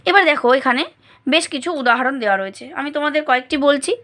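A woman's voice: sits high, fast talker, fairly bright tone. A woman teacher giving a grammar lesson to students, patiently explaining step by step and sounding out words syllable by syllable.

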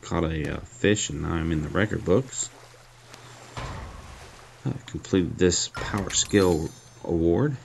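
This man's voice is deep, creaky, and a bit dark in tone, and he speaks slowly with long pauses. He casually narrates as he plays and reviews a mobile game, thinking aloud and mocking his own blunders. The recording carries a little hiss or hum and faint game music.

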